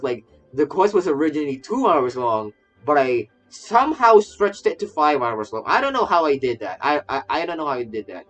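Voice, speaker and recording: A man's mid-range voice, a bit bright, carries casual, rambling commentary over a game livestream, often stammering and repeating phrases. He's a game streamer and VTuber, and faint game music sits in the background.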